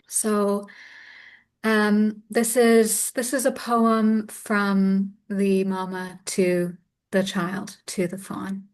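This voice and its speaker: Slow, measured woman reading poetry. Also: mid-range voice, level tone, clear, resonant tone. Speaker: poet. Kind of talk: poetry reading with informal introduction.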